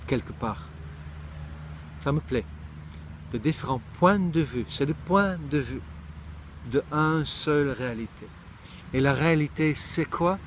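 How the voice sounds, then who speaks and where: In a mid-range voice against slight background noise, a middle-aged Israeli man gives a reflective, personal monologue. He seems to search for words and often starts his sentences over.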